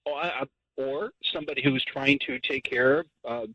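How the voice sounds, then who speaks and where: A man's voice: medium pitch, fairly even intonation, a little fast, no room sound. A man on a phone call, talking hesitantly, with stammers and nervous laughs. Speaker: caller on a radio prank segment. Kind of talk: phone conversation. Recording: dull phone-line audio.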